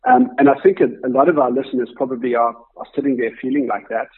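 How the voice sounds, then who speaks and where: A man's voice: medium pitch, animated, quick pace, breathy edge. A man, a company co-founder and guest, answering interview questions thoughtfully, thinking aloud with fillers. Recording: tinny remote phone-like line.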